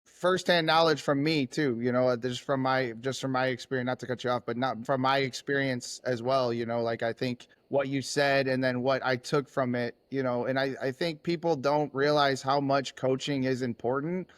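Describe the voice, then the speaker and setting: A man's voice: mid-range voice, steady tone, moderate pace, few pauses. A man with a mid-range voice hosts a casual interview. His sound is dry, with little room echo. He phrases things loosely and informally, in an agreeable conversational way. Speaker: interviewer, podcast host.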